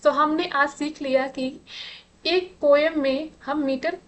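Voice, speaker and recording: Slow, high-voiced teacher woman. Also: steady tone, a bit bright. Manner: slow, patient explaining with rhetorical questions. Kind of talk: exam-prep lesson.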